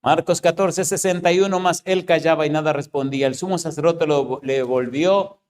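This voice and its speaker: A sermon from a male pastor who keeps pressing his congregation with rhetorical questions. He moves between booming, high outbursts and slow, deep statements.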